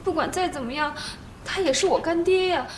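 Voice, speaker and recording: A woman's voice: very high voice, fairly quick, a little hiss or hum. A young actress playing an anxious, tearful young woman who pleads in a TV drama. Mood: pleading. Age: young adult. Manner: pleading, distressed. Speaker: goddaughter. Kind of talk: TV drama acting.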